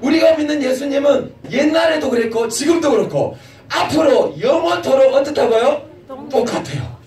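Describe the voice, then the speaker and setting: A male pastor giving a lively children's sermon in a church, often asking the children questions. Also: extremely high pitch, normal speed. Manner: animated, asks children questions. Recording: echoey church hall, mic from a distance.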